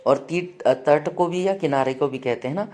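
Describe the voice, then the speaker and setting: A man's voice: on the high side, moderate pace, darkish tone. A male teacher running an exam-prep grammar lesson, listing word meanings and checking in with students with frequent "है ना" and "ठीक है".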